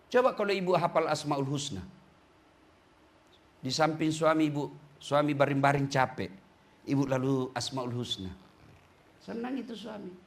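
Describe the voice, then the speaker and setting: A man's voice: a little high, expressive, moderate pace, creaky, long pauses. A middle-aged man preaching a humorous sermon to women, joking and switching voices for the people he quotes.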